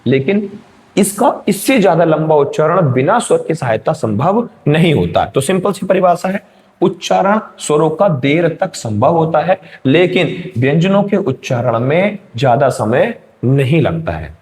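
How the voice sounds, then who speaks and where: A man's voice: a little high, big pitch swings, unhurried, a little mellow. A male teacher giving an exam-prep grammar lesson, explaining step by step and checking in with his students.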